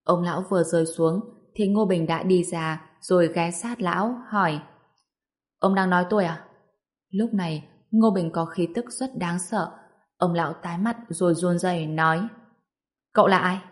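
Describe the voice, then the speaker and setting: A woman narrating an audiobook as storyteller, reading in an even, steady way. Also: on the low side, moderate pace.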